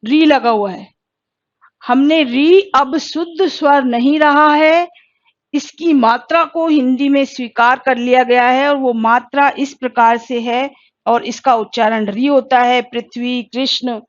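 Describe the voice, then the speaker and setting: A woman teaching a Hindi exam-prep lesson, asking questions and then answering them herself, and sounding out each vowel slowly. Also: high-pitched, muffled recording. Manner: slow, careful pronunciation drills.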